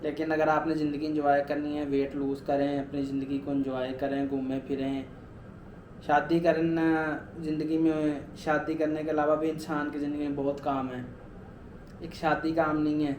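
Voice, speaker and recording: A young man in his twenties with a high-pitched voice speaks straight to his viewers in a personal vlog. He talks earnestly and keeps circling back to the same urging points. The room gives his voice a strong echo, with faint noise underneath. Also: monotone, moderate pace, darkish tone. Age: 20s. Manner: earnest, repetitive motivational urging. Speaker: vlogger. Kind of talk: personal weight-loss vlog.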